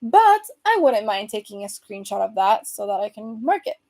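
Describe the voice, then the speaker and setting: Speaking Spanish as her native language, this livestream host from Venezuela talks in a relaxed way and reads out viewers' comments, filling her speech with many fillers. She is young, with a Venezuelan accent and a mellow, sing-song voice in the mid range, at an ordinary speed.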